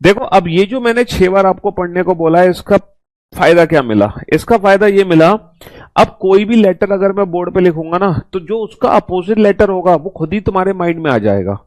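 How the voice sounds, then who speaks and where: A man's voice: high voice, animated, fairly quick, dry recording. Coaxing male teacher drilling letters. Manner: drills students loudly, letter by letter; addresses students as beta, coaxing. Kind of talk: recorded online class lesson.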